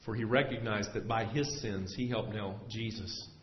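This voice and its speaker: A male pastor preaching a sermon in earnest, swelling louder and slowing down to stress his points. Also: on the low side, fairly even intonation, slight background noise. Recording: echoey hall, dull lo-fi sound.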